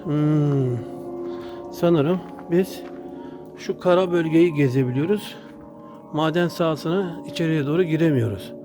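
A man's voice: fairly high pitch, unhurried, pauses often. A man from Turkey narrating a casual walking tour as a travel vlogger, addressing his viewers as friends. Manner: addresses viewers as friends while describing surroundings. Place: inside an underground salt cave. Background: music.

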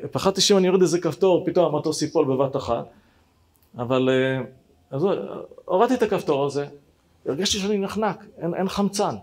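A man with a fairly high voice tells a personal story as a rabbi. He talks straight to his listeners in an animated way, acting out what each person said. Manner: animated, acts out dialogue, addresses listeners directly.

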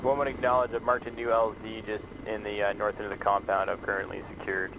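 A man's voice: on the low side, level tone, fast, background noise. A man giving a terse military report over a distant radio transmission, clipped and matter-of-fact.

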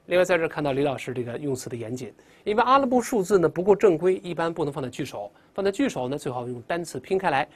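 A teacher giving a classroom English vocabulary lesson in an emphatic way, drilling pronunciation aloud and often ending phrases with a soft 啊. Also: mid-range voice, husky.

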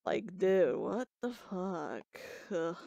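A woman's voice: lowish voice, big pitch swings, extremely slow, gravelly, mellow, no echo, full character voice. A woman voicing a tipsy, queasy boy who swears and groans defensively in casual voice role-play. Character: tipsy boy with a drunk dad.

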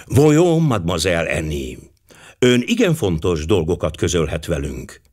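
A man playing Poirot, a fastidious polite detective. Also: low-pitched, wildly swooping pitch, a little mellow, heavily acted. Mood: courteous questioning. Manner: formal, courteous, measured.

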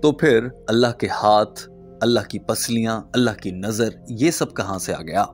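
Man, scripted voice-over narrator, measured explanatory delivery, faint music underneath. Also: lowish voice. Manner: measured, explanatory, rhetorical questions.

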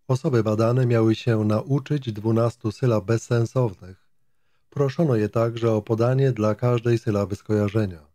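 A man reads a scholarly text aloud at an even, measured pace. His voice is dark and mellow. The sound is dry and close, with no room around it. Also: medium pitch, no echo. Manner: steady, measured, even-toned reading. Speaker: audiobook reader. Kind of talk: reading a nonfiction psychology text aloud.

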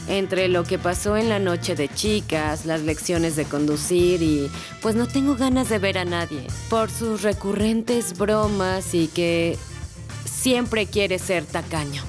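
An exasperated forties wife, worn out and fed up, soft music underneath. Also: female voice, fairly low pitch, takes it slowly. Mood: weary. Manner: weary, fed-up complaining that builds to an angry confrontation. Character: exasperated wife, tired of a stingy husband. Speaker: wife on a reality show. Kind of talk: Latin American Spanish reality-show dub.

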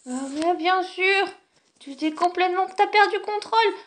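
A stern mother scolds her son in a firm toy-film voice, as a woman plays her. The voice is high and clear. She gives orders without backing down. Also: normal speed, a bit bright. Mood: scolding.

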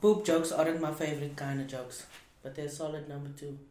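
A man's voice: fairly high pitch, little pitch movement, fairly quick, mellow. A young man telling dad jokes in a casual face-off, with setups and punchlines, recorded outdoors from a camera a little way off. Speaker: dad joke contestant. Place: outdoors on a couch by a brick house wall. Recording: echoey, faint background noise.

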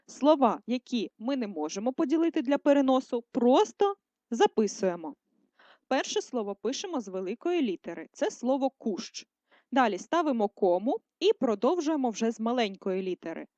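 A female primary school teacher giving a recorded writing lesson, dictating words slowly and clearly for first graders. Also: on the high side, sing-song, mellow, no room sound. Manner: slow, clear dictation, syllable by syllable. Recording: dry, dull lo-fi voice recording.

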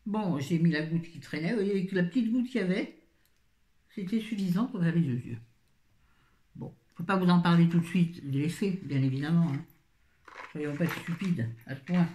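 A woman's voice: low voice, mellow. A woman beauty vlogger chatting casually through a product haul, with wry asides and frequent fillers. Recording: echoey room.

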